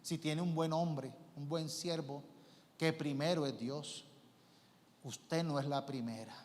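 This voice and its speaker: A man's voice: on the high side, fairly even intonation, slow, darkish tone. A male pastor preaching a sermon emphatically, with rhetorical questions and acted-out quotes. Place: church sanctuary. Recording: long church reverb.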